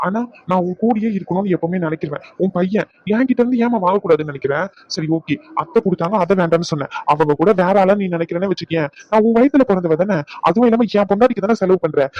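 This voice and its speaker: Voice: mid-range voice, dry recording, muffled recording, close to an everyday voice. A performer voicing a stressed, irritable young husband in a dubbed cartoon, arguing in an exasperated way. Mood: defensive.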